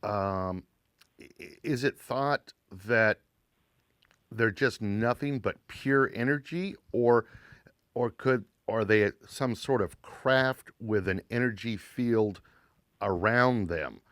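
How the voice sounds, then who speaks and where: A male talk show host with a lowish voice, speaking very slowly and deliberately. His sound is dry and close. He stumbles over repeated words as he builds his questions. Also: fairly bright tone, clear, resonant tone, no room sound. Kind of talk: interviewing a guest.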